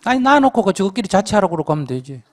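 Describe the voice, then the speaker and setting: A man's voice: sits high, very animated, fast. An older man, a Buddhist monk, bluntly advising a questioner in a Q&A talk, scolding and teasing. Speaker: Buddhist monk giving advice. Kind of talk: Q&A dharma talk.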